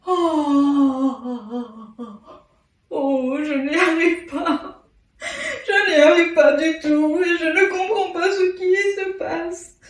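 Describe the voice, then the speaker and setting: A woman's voice: very high voice, fairly even intonation, extremely slow, heavily acted. A woman voicing a sleepy, self-pitying male crocodile in a children's tale for toddlers, groaning and complaining hesitantly. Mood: drowsy, miserable. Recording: echoey room, distant from mic.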